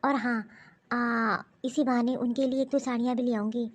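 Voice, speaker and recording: A woman voicing a stubborn, defensive wife in an animated story, arguing back defiantly. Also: on the high side, normal speed, natural voice. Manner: defiant and argumentative. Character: defensive young wife and mother, lying and stubborn.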